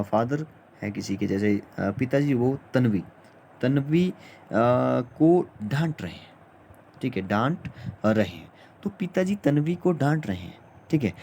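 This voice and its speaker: A man gives a grammar lesson in a dark, mellow voice, talking informally and circling back over the same phrases. He pauses often on fillers as he explains. Faint noise hums behind him. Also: medium pitch. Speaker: teacher.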